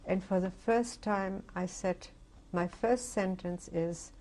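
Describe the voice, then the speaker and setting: An older woman with a gravelly, slightly rough voice speaks in a reflective, halting way, often restarting her sentences. She gives her oral history testimony in an interview. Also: medium pitch, dark tone. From Germany. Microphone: interview recording.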